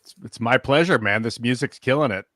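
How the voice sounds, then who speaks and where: A man playing a game live on stream, relaxed and reacting out loud as he plays. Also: medium pitch, a little fast, dry recording, studio quality. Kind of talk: casual livestream gameplay talk.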